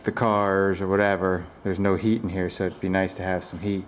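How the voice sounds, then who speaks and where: A woman's voice: rumbling low, little pitch movement, fairly quick. A woman giving a casual, rambling product review with fillers, filmed on a handheld camera inside a large barn with the door open to the wind.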